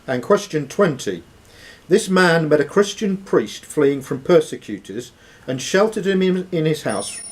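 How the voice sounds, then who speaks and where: In a social club room full of players, a man with a slightly high voice and lively intonation reads out quiz questions at a measured pace. The live room recording is noisy.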